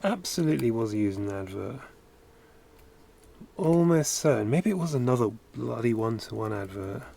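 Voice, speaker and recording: A man's voice: medium pitch, animated, moderate pace, gravelly, mellow. A British man chatting casually while he draws on a live stream, musing aloud with lots of filler words. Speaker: animation streamer.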